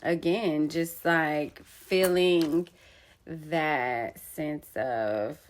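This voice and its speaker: In a deep voice with drawn-out words, a young poet and storyteller shares a personal account of being betrayed. She is candid, emphatic and casual, using plenty of slang.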